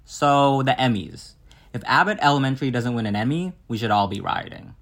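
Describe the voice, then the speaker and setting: A young man hosts a comedic solo podcast in a mid-range, animated, brisk voice with a fairly bright tone. He's playful and self-mocking as he tries out bits.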